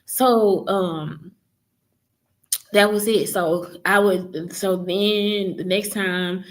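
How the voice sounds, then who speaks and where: A woman's voice: mid-range voice, fairly even intonation, extremely slow. A woman vlogger recounting her life story in casual first-person talk, rambling with many fillers and self-corrections.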